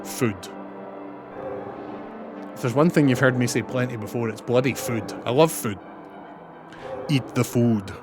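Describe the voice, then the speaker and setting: Over loud game music, a young streamer with a mid-range voice chats casually with viewers while he plays. He speaks at a measured pace, pausing often, and closes each turn by saying "over."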